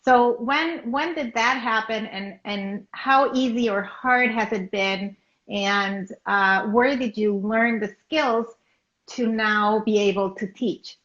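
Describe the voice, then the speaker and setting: A woman's voice: on the high side, slow, a bit bright. A woman interviewer asking questions in a casual live-streamed chat, encouraging and loose, with many fillers. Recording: roomy, dull live-stream audio.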